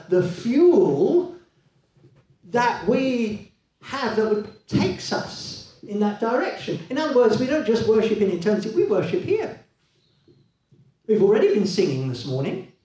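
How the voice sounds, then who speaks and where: A man preaching a sermon in a church, conversational and lively, with many rhetorical questions to the congregation. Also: sits high. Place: church hall. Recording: echoey hall, voice from a distance.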